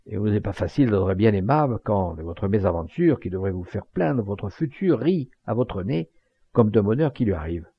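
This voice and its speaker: A man reading an audiobook in a measured storytelling way, in a slightly muffled home recording. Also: lowish voice, husky, no room sound. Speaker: audiobook reader. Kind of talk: scripted audiobook narration.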